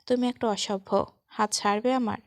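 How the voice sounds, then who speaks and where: A woman voicing an angry, sharp-tongued young woman who snaps irritably in a storybook reading. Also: mid-range voice, fairly even intonation, moderate pace, no echo, studio quality, lightly acted. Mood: annoyed.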